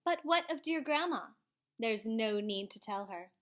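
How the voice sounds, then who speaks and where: A woman reads a children's storybook aloud the way a school librarian might, expressive with theatrical swells and hushed drops. Her voice is a little high and animated, at a measured pace.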